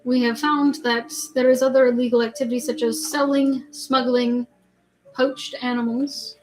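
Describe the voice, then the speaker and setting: A woman plays a peg-legged old sea captain giving a halting, formal proclamation to a crowd in a tabletop game. The voice stays high and bright. Faint music plays underneath. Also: level tone, lightly acted, rough recording. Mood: proclaiming.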